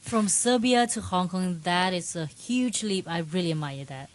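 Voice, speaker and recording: A woman's voice: fairly low pitch, moderate pace. A woman from Malaysia hosting a radio program, reading upbeat scripted links. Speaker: radio host.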